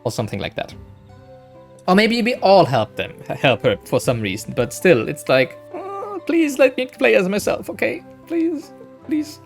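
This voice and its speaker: This streamer, a non-native English speaker, talks slightly slowly in a high, creaky voice whose pitch swoops wildly. Faint music plays in the background. He rambles chattily through his casual let's-play commentary, constantly adding "right?"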